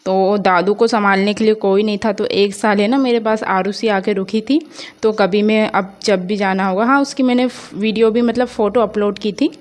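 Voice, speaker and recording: A young Indian woman vlogger narrates a casual voice-over for her home vlog, rambling and chatty with plenty of fillers. Her voice is medium-pitched and a little mellow.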